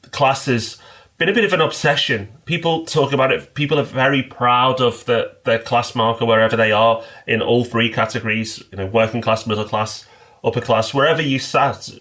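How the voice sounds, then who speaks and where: Male co-host, measured explainer, mid-range pitch, conversational podcast delivery. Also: fairly bright tone. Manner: measured, explanatory, with small restarts. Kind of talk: casual podcast discussion.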